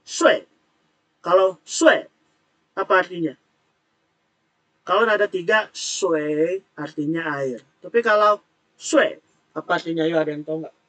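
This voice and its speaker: A man teaching an online language class, explaining words and tones patiently and repeating them slowly. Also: on the high side, bright, forceful tone. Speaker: Mandarin teacher.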